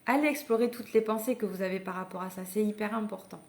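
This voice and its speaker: A woman's voice: mid-range voice, fast talker. Encouraging woman coaching parents-to-be. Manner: conversational, encouraging, with frequent hesitations and restarts; addresses the listeners directly and invites them to act. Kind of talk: live online masterclass talk.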